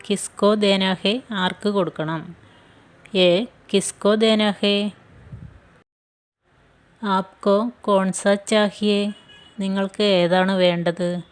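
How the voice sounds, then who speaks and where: A woman teaching phrases in a scripted lesson, repeating each phrase slowly and carefully. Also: medium pitch. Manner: slow, careful phrase-by-phrase drilling with repetition. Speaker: language teacher.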